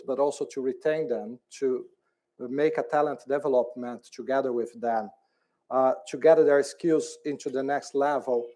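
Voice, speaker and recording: A middle-aged man from Brazil speaks on a conference panel in a mellow, soft-edged voice. He talks haltingly, often restarting and repeating words, and laughs easily. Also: medium pitch. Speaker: department head on a panel.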